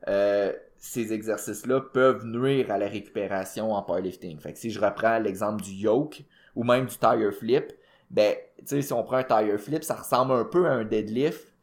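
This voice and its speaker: His pitch sits fairly low and his speed is ordinary as he co-hosts a fitness podcast in Québécois-accented French. The powerlifting coach explains workouts informally, scattering fillers and English gym jargon throughout.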